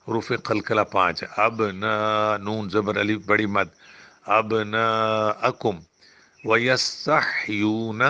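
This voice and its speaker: A man with a Pakistani Urdu accent teaching Quran recitation. He spells letters slowly, draws out recited words, and drifts into chatty everyday examples. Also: fairly low pitch, bright, forceful tone, muffled recording. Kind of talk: Quran tajweed lesson with a spoken talk.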